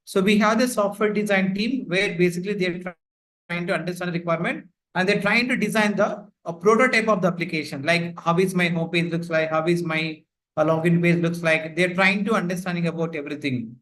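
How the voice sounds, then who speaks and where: A male instructor teaches a live online class over a video call, explaining repetitively and leaning heavily on fillers like "like, you know." His high-pitched voice is steady and fairly bright, and he talks briskly. The computer mic gives poor audio.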